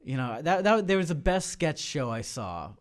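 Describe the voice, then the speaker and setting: A man's voice: a little high, big pitch swings, normal speed. A man being interviewed about his improv and sketch work, talking loosely with many fillers and restarts. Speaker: improv and sketch performer, guest. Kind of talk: casual interview chat. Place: studio. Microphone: studio microphone.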